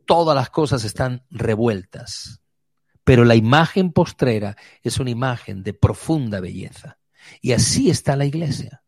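A man preaching a sermon, vivid, moving between quick runs and slow emphatic words. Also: medium pitch, expressive, darkish tone, no echo, studio quality.

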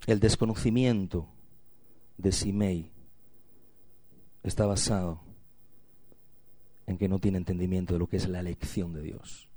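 A man's voice: low-pitched, fairly even intonation, a little slow, pauses often, dark tone, no room sound. A man from preaching a sermon, emphatic and repetitive, asking rhetorical questions. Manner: emphatic, repeats key phrases, rhetorical questions.

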